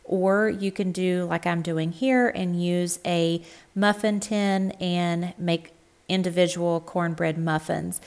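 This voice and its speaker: Cooking vlog host, woman, slightly low voice, friendly step-by-step delivery. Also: fairly even intonation, takes it slowly, a little mellow. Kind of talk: cook-along voice-over narration.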